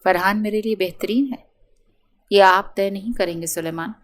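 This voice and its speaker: A woman voicing a young woman in love who pleads softly in a romance audiobook. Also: medium pitch, close to an everyday voice. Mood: pleading. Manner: soft, pleading. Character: lovesick young woman, law graduate, earnest.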